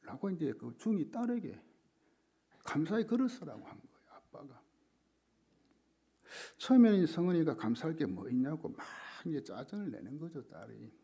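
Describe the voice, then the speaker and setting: A man's voice: on the high side, very animated, normal speed, long pauses, dark tone, breathy edge. A male pastor preaching a sermon, telling a story dramatically and often dropping to a whisper.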